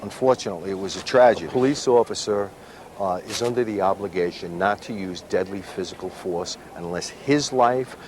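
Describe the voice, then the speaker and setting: A man's voice: low-pitched, fairly quick, a little mellow. A middle-aged man, a retired detective, giving firm, emphatic commentary in an interview. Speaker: guest, retired detective lieutenant. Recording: faint background noise.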